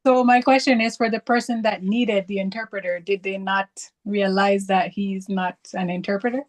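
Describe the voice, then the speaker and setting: A woman's voice: mid-range voice, steady tone, normal speed, poor audio. A woman on a group video call, asking curious questions in casual chat.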